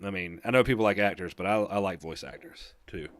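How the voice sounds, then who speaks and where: With a low voice and a fairly quick pace, this young gaming podcast co-host rambles enthusiastically and laughs often.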